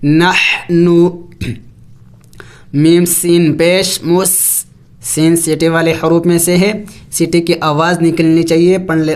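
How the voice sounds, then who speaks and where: A Quran teacher giving a step-by-step tajweed lesson, spelling each syllable slowly and explaining the rules in quick asides. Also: medium pitch. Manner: chants the verses in long, drawn-out recitation.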